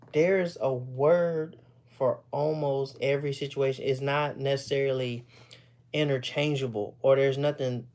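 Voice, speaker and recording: A man from Texas chatting casually with viewers. He is short of breath, rambles loosely, often clears his throat, and pauses to catch his breath. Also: medium pitch, a little mellow. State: short of breath, stops for air. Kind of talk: casual chat.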